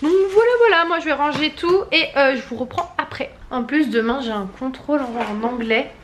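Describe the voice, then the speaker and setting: Chatty young woman vlogger, higher voice. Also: brisk, a bit bright, a little hiss or hum. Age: young adult. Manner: chatty, hesitant, full of fillers. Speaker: student vlogger. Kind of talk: casual chat to camera.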